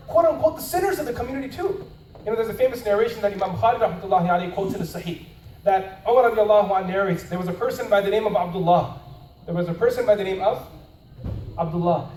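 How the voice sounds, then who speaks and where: A man preaching a lecture at a conference, telling stories in an animated way that swings from loud to hushed. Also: very high-pitched, a little hiss or hum. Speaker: Islamic preacher. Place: conference hall. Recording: echoey hall from far off.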